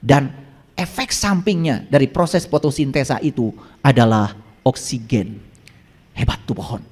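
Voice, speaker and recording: A man preaching a sermon to a live audience, quizzing listeners and swinging between high exclamations and low asides. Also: measured pace, a little mellow, breathy edge. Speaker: Islamic preacher. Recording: long hall reverb.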